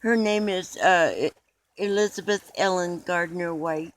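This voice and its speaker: High-voiced man rambling earnestly. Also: steady tone, unhurried, rough recording. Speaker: interviewee. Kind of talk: mock-documentary interview.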